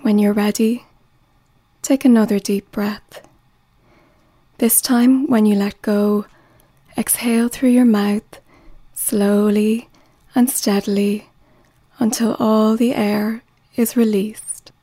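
Woman, relaxation guide: slow soothing delivery with whispered phrases, mellow and steady in pitch. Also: no echo.

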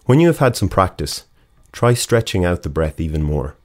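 Man, very deep voice, guided breathing instructor, calm, slow counting.

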